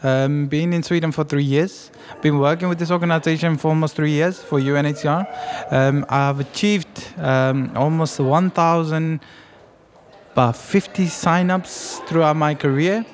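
A man's voice: a little high, fairly even intonation, normal speed, slight background noise. Afghan-accented man, hesitant. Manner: hesitant, with frequent ums. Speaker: award-winning fundraiser. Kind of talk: casual interview.

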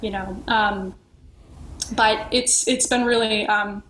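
A woman's voice: medium pitch, steady tone, slow, a bit bright. A woman podcast guest talking earnestly and reflectively, searching for words and restarting often. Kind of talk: reflective conversational sharing. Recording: echoey room with faint noise.

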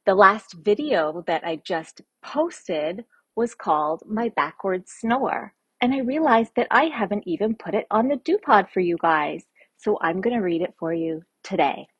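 A woman who hosts a podcast, reading her own rhyming children's poem aloud with gentle, playful storytelling. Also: mid-range voice, lively intonation, moderate pace, husky, dry recording. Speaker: podcast host and poet.

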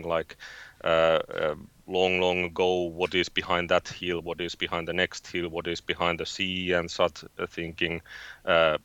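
A man from Finland with a Finnish accent, a guest in an interview, speaking haltingly with many fillers and restarts. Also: low voice, bright, forceful tone, smooth, no echo, muffled recording. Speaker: guest, space company founder. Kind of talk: interview conversation.

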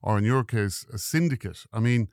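A man's voice: fairly low pitch, animated, moderate pace, a little mellow, no echo. A man with an Irish accent interviewing conversationally as a podcast host, close on a studio microphone.

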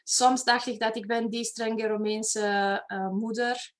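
An animated woman with a Romanian accent speaks in a fairly high voice at an unhurried pace. She laughs often and pauses to search for words, chatting casually as a guest. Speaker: guest facilitator. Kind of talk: casual online chat.

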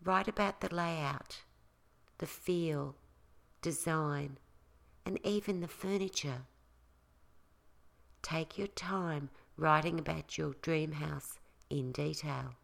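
A woman narrates a guided relaxation exercise from a script. Her voice sits low, with a touch of creak at the edges. She speaks very slowly and calmly, giving each instruction room with pauses. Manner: slow, calming, instructional delivery with pauses.

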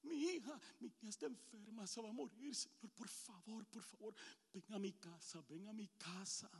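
A woman's voice: high voice, animated, moderate pace, voice pushed up. A woman preacher voicing a desperate father begging for his dying daughter, stammering and pleading in a reverberant hall. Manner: pleading, stammering repeats, swings from shouts to hushed sobs.

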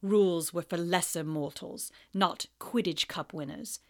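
A woman reading aloud and voicing a cold, sneering male professor, speaking slowly and menacingly. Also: fairly low pitch.

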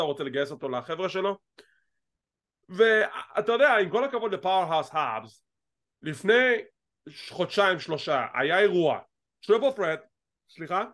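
A man with a high, light voice, co-hosting a wrestling chat show. He talks in an animated, teasing way and drops English phrases in along the way. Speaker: wrestling podcast co-host. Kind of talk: casual chat.

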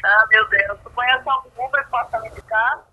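A woman's voice: a little high, steady tone, fairly quick, husky, narrow, tinny audio. A woman calling over the phone on speakerphone and asking short, polite questions about finding a ride driver. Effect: heard over a phone on speakerphone. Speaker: caller looking for a ride driver. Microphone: phone speaker picked up by the room mic.

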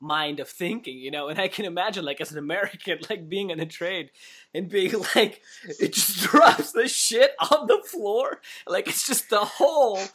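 A man in relaxed conversation. He speaks in a laid-back way, laughs easily and swears casually. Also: high-pitched, moderate pace. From Russia. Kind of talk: casual chat.

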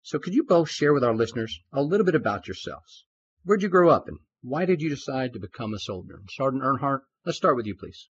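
On a formal interview podcast, a male host speaks fast in a medium-pitched, sing-song, slightly rough voice. He's upbeat and lavishes praise on his guests, and the recording has a dull, lo-fi sound.

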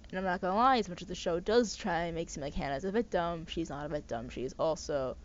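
A woman's voice: lowish voice, fast. A young woman ranting casually as host, swearing often and rambling with restarts and stumbles. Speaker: podcast host. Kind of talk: casual rant. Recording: slightly dull lo-fi sound with faint noise.

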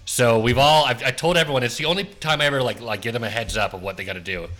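A male host with a bright, forward voice, chatting loosely with friends. He rambles through explanations and jokes around, laughing easily. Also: medium pitch, fast talker. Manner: jokey, rambling, laughs a lot. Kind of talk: casual podcast banter.

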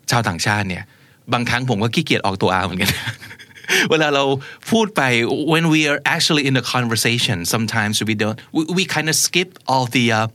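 A Thai man teaching English pronunciation, explaining in Thai and slowly modelling English words for the learner to repeat. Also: mid-range voice, a bit bright, dry recording. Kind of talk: bilingual pronunciation lesson.

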